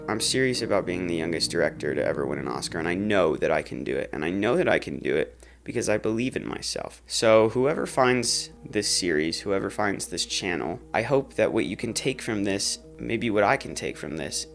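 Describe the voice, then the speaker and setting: A man's voice: deep voice, vocal fry, a bit bright. An eighteen-year-old man talking earnestly and with determination to camera in a casual vlog about his filmmaking goals. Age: teens. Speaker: aspiring filmmaker.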